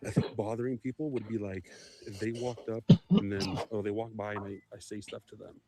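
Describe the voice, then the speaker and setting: A man talking quietly to his viewers in a casual livestream clip, mumbling asides. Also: fairly low pitch, fairly even intonation, fairly quick, a little hiss or hum. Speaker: street auditor in a played clip.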